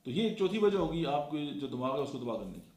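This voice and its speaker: A man's voice: on the high side, sing-song, fast talker, darkish tone. A man from Pakistan giving a motivational talk, lecturing and counting off his points one by one with frequent fillers. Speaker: motivational speaker. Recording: echoey room.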